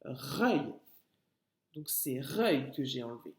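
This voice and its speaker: A woman teaching a phonics lesson to young children, breaking words into syllables slowly and patiently. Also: medium pitch, animated, roomy sound. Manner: slow, syllable-by-syllable, patient explaining. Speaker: kindergarten teacher.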